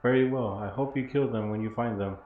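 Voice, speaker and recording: A man's voice: mid-range voice, brisk, natural voice. A man voicing a poor, blind old former smuggler from a video game, wry and bitter, in a rambling storyteller's delivery. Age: older. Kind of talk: reading video game dialogue in character. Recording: dull, roomy audio with faint noise.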